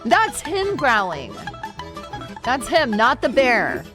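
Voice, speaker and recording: A woman's voice: sits high, huge pitch swings, music in the background. A woman livestreamer giving casual, slangy reaction commentary in an informal, exclaiming way. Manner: drawn-out amused exclamations, informal slangy talk. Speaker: streamer reacting to a video.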